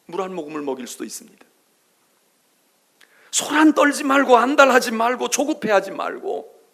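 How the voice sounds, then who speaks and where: A middle-aged male pastor preaching a sermon, swinging between loud calls and hushed whispers and acting out soothing quoted voices. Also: very high-pitched, very animated, moderate pace, vocal fry. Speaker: senior pastor.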